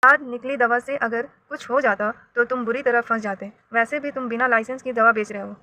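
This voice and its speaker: A woman reading a stern, loud father. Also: a little high, steady tone, brisk. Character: stern, protective middle-aged father.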